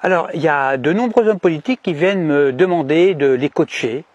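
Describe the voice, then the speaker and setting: A man from DR Congo playing a smug, cunning shepherd in a mock-cheerful satirical monologue with sly, emphatic pitch swings. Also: lively intonation, a little fast, darkish tone, no room sound, lo-fi sound. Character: cunning, smug male shepherd boasting of control.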